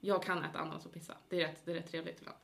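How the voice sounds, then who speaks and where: A woman's voice: deep voice, level tone, vocal fry, fairly bright tone. A woman with a Stockholm accent chatting casually and jokingly as a podcast co-host.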